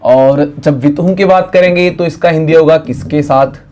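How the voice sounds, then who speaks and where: Indian man teaching English, slightly high voice. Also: a little mellow. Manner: explains quickly, then says English sentences slowly and clearly; speaks directly to the students and prompts them to translate. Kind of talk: classroom grammar lesson.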